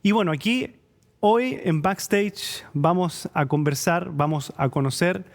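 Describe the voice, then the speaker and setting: A man's voice: high-pitched, unhurried. A Chilean man hosting a church talk show, reading scripture and greeting viewers before chatting with his guest. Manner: warm friendly interviewer, reads scripture and greetings. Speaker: church program host. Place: church studio.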